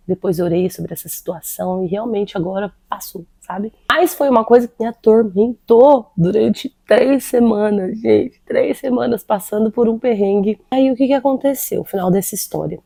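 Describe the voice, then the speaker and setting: A woman's voice: medium pitch, mellow, no room sound. A Brazilian woman, a literacy teacher, earnestly telling a personal faith story in a casual, reflective way. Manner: earnest, reflective, with acted quotes of prayer and dialogue.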